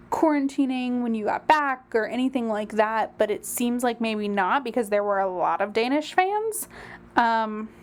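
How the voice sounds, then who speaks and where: Woman host, relaxed chatty commentary with lots of filler, slightly high voice, faint hiss behind. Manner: chatty, rambling, frequent ums. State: a little out of breath. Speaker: royal news commentator. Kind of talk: casual solo commentary.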